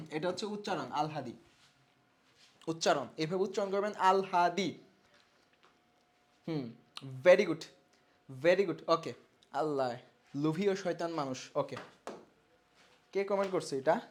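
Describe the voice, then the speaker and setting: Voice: medium pitch, unhurried, pauses often, a little mellow, a little hiss or hum. A teacher giving a live online revision class, quizzing viewers, reading their names from comments and drilling answers by repeating words, with English words mixed in. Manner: mixes English words into speech; clears throat now and then. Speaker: online exam-prep teacher.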